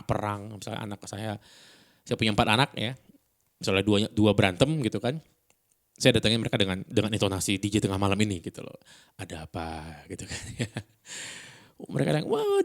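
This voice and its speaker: A middle-aged man speaking on a business podcast in a relaxed, chatty way, full of fillers and acted-out dialogue. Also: on the low side. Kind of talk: casual podcast talk.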